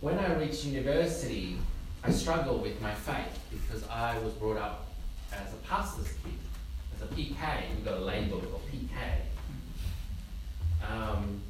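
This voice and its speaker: A man's voice: fairly low pitch, expressive, measured pace. A young man from Indonesia preaching as a guest in a church, friendly and self-deprecating with jokes along the way. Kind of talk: sermon with humor. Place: church sanctuary. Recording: echoey church from far off, noisy.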